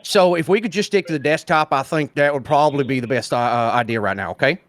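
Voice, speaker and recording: A man's voice: medium pitch, fast talker, close to an everyday voice. A man voicing a rambling, folksy 76-year-old man who stammers and jokes.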